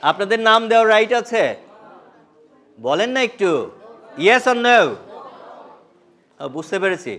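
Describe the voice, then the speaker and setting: A man with a high voice leads a live training session. He is animated and fires questions at the room, slipping between Bengali and English as he teaches. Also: a little slow, long pauses. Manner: animated, quizzes the audience, mixes English into Bengali. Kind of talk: live classroom workshop.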